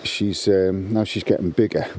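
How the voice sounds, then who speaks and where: As a guest contributor, this man chats while walking his dog by a canal, rambling and often restarting, with plenty of fillers. His low-pitched voice is mellow and fairly even, at normal speed. Birdsong and slight background noise are audible.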